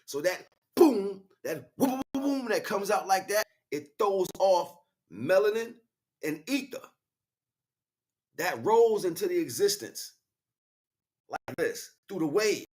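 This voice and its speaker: A high-pitched, darkish male voice, very animated yet slow, belongs to a spiritual teacher and livestream host improvising a lecture. He speaks with emphasis, repeating key words and checking in through rhetorical questions.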